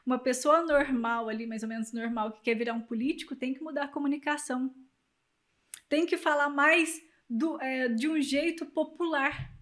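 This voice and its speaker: High-voiced Brazilian woman giving advice. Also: moderate pace, a bit bright. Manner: emphatic, coaching tone, varies emphasis on purpose. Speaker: guest, communication specialist and public speaker. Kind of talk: interview advice.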